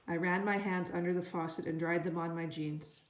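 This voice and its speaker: A woman reading a children's book aloud in a lively storytelling way. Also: on the low side, brisk. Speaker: reader. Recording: roomy echo.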